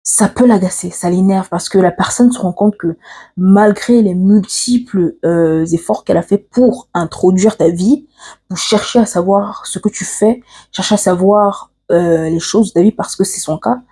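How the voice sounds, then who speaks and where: Husky-voiced woman telling a personal story. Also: medium pitch, normal speed, warm tone. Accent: African French. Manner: hesitant, frequent "euh" fillers and restarts; earnest, confiding. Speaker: vlogger.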